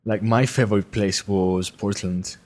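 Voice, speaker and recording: A man's voice: fairly low pitch, steady tone, a little slow, noisy background. A young man from Greece with a Greek accent, chatting casually on a podcast and often repeating words as he starts. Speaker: podcast co-host. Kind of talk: casual chat.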